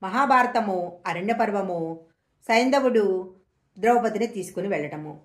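A woman storyteller slowly reading an old mythological story aloud in a measured way, recorded in an echoey room. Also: mid-range voice, animated.

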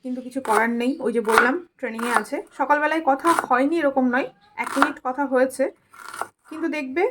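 A young woman vlogger with a regional West Bengal Bengali accent talks casually to her viewers while doing chores, moving between rooms and the rooftop of her home. Her high voice is steady and fast, and she's chatty, with direct asides to viewers in this everyday-life narration. The audio is very noisy.

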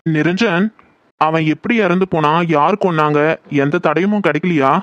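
A man voicing a steady, reassuring head of the household in a horror audio drama. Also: a little high, moderate pace, no room sound, lightly acted. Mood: firm. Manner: firm, reassuring. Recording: dull lo-fi, dry.

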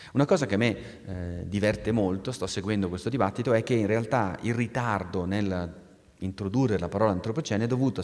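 Man lecturing in a reverberant hall. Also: sits low. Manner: animated, discursive, with frequent restarts and asides to the audience. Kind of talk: live public science lecture.

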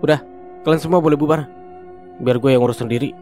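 A man's voice: fairly high pitch, steady tone, fast talker, warm tone, faint music behind, close to an everyday voice. A man reading a brash, curt young husband. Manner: curt and blunt.

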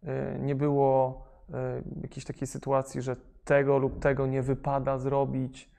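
A young man speaks in a gravelly, dark voice, hesitating often with fillers and restarts. He picks up energy when excited, then trails off into softer asides. Casual interview talk from a young rapper. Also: mid-range voice, measured pace. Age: young adult.

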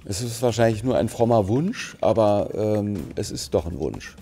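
A man's voice: fairly low pitch, lively intonation, normal speed, creaky, warm tone, faint music behind. A middle-aged man from Berlin with a light Berlin accent, an actor answering interview questions to the camera, thoughtful and searching for words with many fillers and restarts. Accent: Berlin German. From Germany. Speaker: actor interviewed for a museum anniversary. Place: plain bright indoor studio. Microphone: seated, framed mid-shot to camera.

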